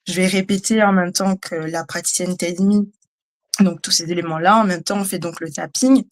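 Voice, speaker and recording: Hesitant woman recounting a therapy session. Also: lowish voice. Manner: hesitant, halting, many fillers. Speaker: guest, trainee. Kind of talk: personal testimony.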